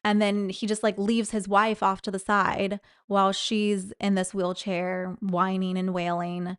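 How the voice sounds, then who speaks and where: A woman telling a story in a casual chat, her voice smooth and resonant. She is animated and breaks into high-pitched impressions of the people she describes. The sound is dry and close. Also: measured pace, dry recording. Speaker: guest, former clinic employee.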